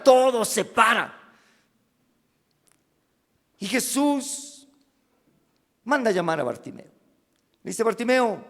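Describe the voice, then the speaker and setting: Mexican pastor preaching slow, high voice, big echoey church hall, gets loud then goes real quiet. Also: male voice. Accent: Mexican Spanish. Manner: dramatic preaching, rising to loud cries and dropping to hushed asides. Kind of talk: sermon. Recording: long reverb of a church hall.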